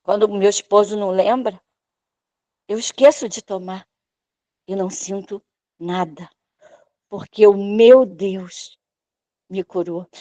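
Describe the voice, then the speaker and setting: A Brazilian woman in her 60s gives a healing testimony as a church member during a service. Her warm, mid-range voice is slow and emotional, rising when she acts out what the doctors said. The recording is close and dry, with no room sound.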